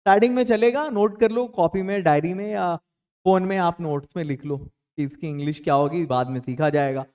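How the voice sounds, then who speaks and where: A man teaching English tenses in a casual, playful way, repeating each example sentence slowly. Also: on the high side, darkish tone, clear, resonant tone. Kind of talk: spoken English lesson in Hindi.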